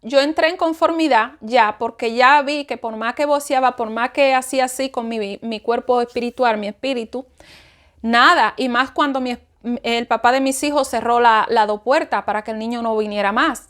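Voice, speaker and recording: A woman's voice: on the high side, moderate pace, fairly bright tone. A woman giving an emotional personal spiritual testimony, often repeating herself and acting out her own cries for help. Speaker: testimony speaker.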